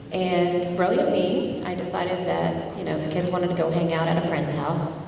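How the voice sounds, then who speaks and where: In an echoey hall, a middle-aged woman from Tulsa, Oklahoma, whose first language is Turkish, tells a personal story at a community dialogue event. Her lowish voice has vocal fry, and she stays conversational, growing animated as she retells events. The mic is distant, and faint background noise lingers.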